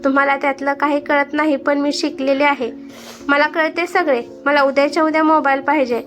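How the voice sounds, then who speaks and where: A woman's voice: high voice, little pitch movement, brisk, fairly bright tone, faint music behind. A woman voicing a scornful, discontented young wife in a spoken storybook, with a complaining, defiant manner. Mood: demanding.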